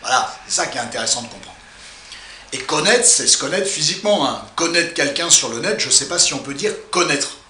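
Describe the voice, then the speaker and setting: Animated man with a lively, bright voice. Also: a little high, fairly quick, slight background noise. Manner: animated, playful and self-mocking. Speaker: psychotherapist. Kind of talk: explanatory video monologue to subscribers. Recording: echoey room.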